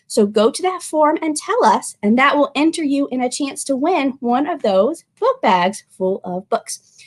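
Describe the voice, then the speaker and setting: In a high-pitched, unhurried voice, a female children's librarian reads a picture book aloud. She's expressive, drawing out words as she addresses her young audience.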